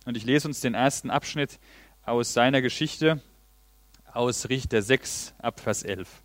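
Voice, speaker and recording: A man's voice: medium pitch, a little slow, no echo. A man preaching a sermon in an earnest way, retelling a Bible story and reading passages aloud.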